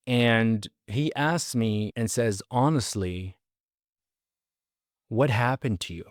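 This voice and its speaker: Speaking slowly in a mid-range voice, a man tells the story of his life as a heartfelt testimony, recorded cleanly in a studio with no echo. Key words get drawn out, and he repeats phrases to drive his points home.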